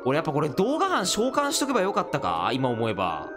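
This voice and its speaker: A man with a hosting a solo let's-play, excitable and reacting loudly to the game. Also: on the high side, fast, over music. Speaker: gaming video host.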